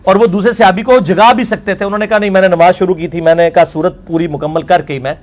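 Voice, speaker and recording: High-voiced man giving a religious lecture. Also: steady tone, quick pace. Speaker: religious scholar.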